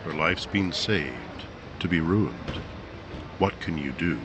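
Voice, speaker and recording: In the manner of a 1950s radio drama, a male narrator and announcer tells a story dramatically and deliberately, addressing the listener as "you." His voice rumbles low with lively intonation, over a noisy background.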